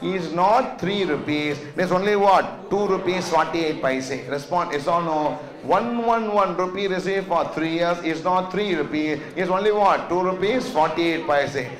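A middle-aged man with a South Indian accent teaches in an echoey classroom. His voice sits fairly high, and he drills the class with question after question, checking that they follow. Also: a little slow, hardly any pauses. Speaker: finance lecturer. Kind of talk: classroom lecture. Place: indoor classroom, speaking to students.

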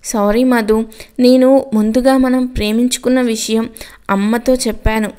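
A woman voicing a regretful young man in a storybook reading, speaking softly and apologetically, with a clear, fairly high voice. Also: steady tone, moderate pace, lightly acted. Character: young man, earnest regretful former lover.

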